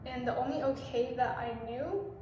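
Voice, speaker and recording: A woman's voice: sits high, moderate pace, dark tone. A young woman telling a candid, rambling personal story to camera, swearing often and filling her talk with fillers. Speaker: vlogger. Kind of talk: confessional storytime monologue. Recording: echoey room, mic set far off, faint noise.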